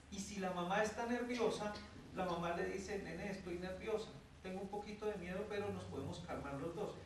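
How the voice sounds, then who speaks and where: A Colombian man lectures to an audience, checking in with them often and acting out mothers' words as he goes. His voice sits a little high. He is heard from a distance in a very echoey hall with faint room noise. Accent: Colombian Spanish. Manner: conversational, often checks in with "¿sí?", acts out quoted mothers. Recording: very echoey room, mic far off, faint ambience.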